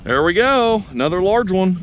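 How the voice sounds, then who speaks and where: A young man talks casually from a kayak out on a lake, his voice jumping up whenever a fish bites. His pitch sits a bit high and swings widely. Rain and water noise wash over the outdoor camera audio. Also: moderate pace. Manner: excitable, exclaims over catches. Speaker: fishing vlogger. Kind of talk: casual outdoor chat while fishing.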